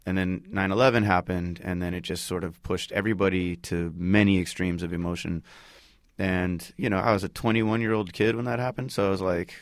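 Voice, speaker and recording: Chill norcal guy in his 30s, real low voice, slangy and loose, dry close sound. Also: fairly even intonation, brisk, no echo. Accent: Northern Californian. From Northern California. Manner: laid-back, loose slangy talk full of likes and you-knows. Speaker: musician guest. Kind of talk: casual interview chat.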